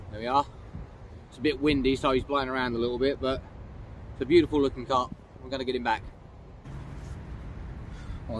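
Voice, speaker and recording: A man vlogging from a windy lakeside, talking to camera in a chatty, matter-of-fact way as he fishes. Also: medium pitch. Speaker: angling vlogger. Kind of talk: outdoor fishing vlog narration. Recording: outdoor mic with faint wind noise.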